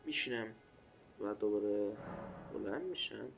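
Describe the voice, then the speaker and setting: A man's voice: lowish voice, vocal fry. A man giving casual, informal running commentary on a game, talking to himself and to his viewers. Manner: informal running self-talk, addressing viewers. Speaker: gaming video host. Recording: game music behind the voice. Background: loud game music.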